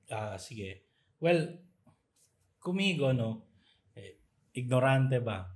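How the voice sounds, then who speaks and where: Animated man telling stories. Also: medium pitch, drawn-out words. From Zamboanga, Philippines. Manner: animated storytelling with playful mimicry. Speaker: podcast co-host. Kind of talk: casual chat.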